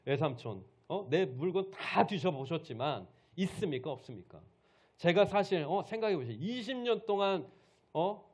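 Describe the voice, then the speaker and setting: A man voicing an indignant biblical man who loudly scolds his uncle with reproachful rhetorical questions. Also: mid-range voice, very animated, normal speed, close to an everyday voice.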